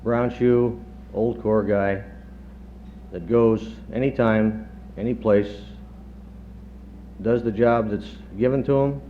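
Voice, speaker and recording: A middle-aged man, a chief of staff, giving a halting tribute speech with dry humor, heard on old worn reel-to-reel tape. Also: fairly low pitch, steady tone. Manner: halting, many pauses and fillers, dry humor. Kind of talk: after-dinner tribute speech. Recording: dull worn 1970s tape with faint hum.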